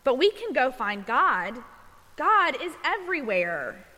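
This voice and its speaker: Mama bear for a storybook, voiced by a woman reader: patient, calm, slow delivery, big echoey room. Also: sits high, heavily acted. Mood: gentle. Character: patient, reassuring mother polar bear. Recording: echoey hall, long reverb.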